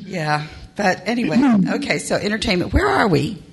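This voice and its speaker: A woman's voice: medium pitch, big pitch swings, normal speed, gravelly. A woman from Tennessee hosting a podcast, chatting casually and laughing often. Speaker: podcast host. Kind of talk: casual chat.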